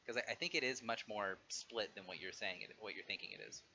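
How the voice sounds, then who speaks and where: Bright-voiced man as game master. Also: fairly low pitch, fairly quick. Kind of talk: running an online tabletop game. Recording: dull audio with faint noise.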